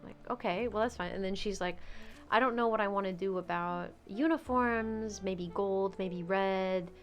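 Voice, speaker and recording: A woman's voice: medium pitch, normal speed, faint music behind. A woman in casual role-play chat, talking frankly and swearing freely. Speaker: streamer role-playing a theater owner.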